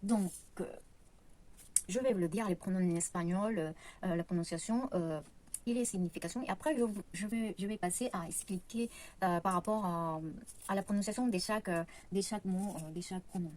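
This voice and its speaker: A woman's voice: mid-range voice, a little fast, darkish tone. Hesitant woman. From Latin America. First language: Spanish. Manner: hesitant, many fillers and self-corrections. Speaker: language teacher. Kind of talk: casual online lesson.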